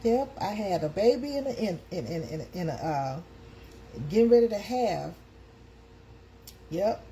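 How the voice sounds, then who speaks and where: A woman's voice: medium pitch, expressive, a little slow, mellow, a little hiss or hum. A woman, hosting a casual live chat and calling out to her viewers. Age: 50s. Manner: chatty, calls out to viewers. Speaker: live stream host.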